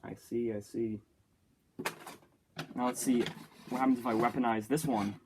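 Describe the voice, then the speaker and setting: A young man with a medium-pitched voice runs a casual commentary to himself as he builds and plays. He talks in a chatty, joking way and gets excited easily. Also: normal speed, noisy background. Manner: chatty self-talk, easily excited, jokey. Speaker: YouTuber.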